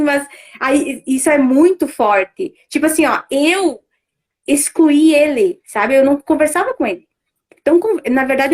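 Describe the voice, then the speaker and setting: A middle-aged woman, talking casually on a live stream as a family constellation facilitator, full of fillers and restarts. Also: high-pitched. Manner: conversational, many fillers and restarts.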